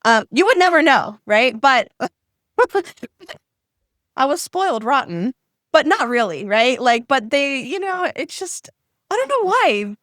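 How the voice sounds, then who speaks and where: A woman's voice: high voice, very animated, slow pace, long pauses, fairly bright tone, dry recording, clean studio sound. A young adult woman co-hosting a podcast, chatting casually in a giggly, rambling way. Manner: giggly, rambling, self-mocking. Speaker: podcast co-host. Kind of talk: casual chat.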